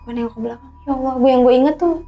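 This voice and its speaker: A woman recounting her own eerie hiking experience as a guest, in casual, animated storytelling that keeps quoting others in quick dialogue. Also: sits high, soft background music.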